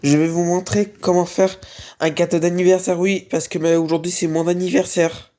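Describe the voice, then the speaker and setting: A Minecraft building tutorial creator, slightly sick and sneezing, hesitantly narrates a casual building tutorial, repeating "voilà" and "on continue" over and over. The mid-range voice has a dark tone, flat delivery and moderate pace.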